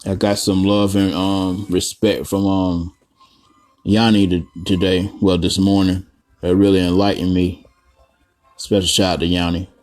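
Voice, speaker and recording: A man's voice: low voice, flat delivery, unhurried, a little mellow, soft background music. A man hosting a casual coloring tutorial, rambling through profane, joking asides while he works. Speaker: art tutorial host.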